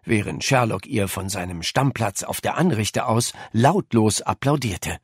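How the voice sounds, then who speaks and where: A man narrating a children's audiobook in a lively, expressive way. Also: lowish voice, a little slow, husky, dry recording, studio quality.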